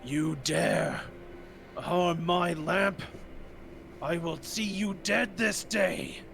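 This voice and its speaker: A man voicing a wrathful djinn in a tabletop game, bellowing threats slowly in a drawn-out genie voice. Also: high-pitched, steady tone, gravelly, a bit bright, a little hiss or hum, voice pushed up, full character voice. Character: wrathful, threatening male djinn freed from an urn. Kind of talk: in-character tabletop game villain. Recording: music behind the voice.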